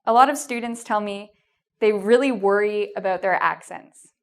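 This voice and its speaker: In this tips-based video lesson, an English teacher with a Canadian accent speaks smoothly at a moderate pace and medium pitch. She coaches students for an English exam in a reassuring, encouraging way, peppering her talk with "um" and "okay?"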